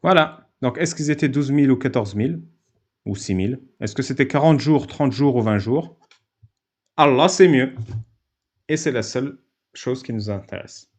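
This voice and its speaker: A man's voice: mid-range voice, lively intonation, moderate pace, darkish tone. A man hosting a live stream, reading in a mock-solemn voice with heavy sarcasm and often laughing. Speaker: host. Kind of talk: satirical live-stream commentary.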